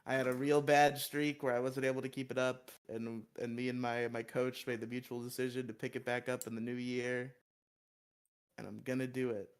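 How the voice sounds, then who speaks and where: A man's voice: mid-range voice, moderate pace, clean tone. Laughing, profane young-sounding man. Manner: laughs often, jokey and profane, voice jumps up when excited. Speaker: podcast co-host. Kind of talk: casual podcast chat.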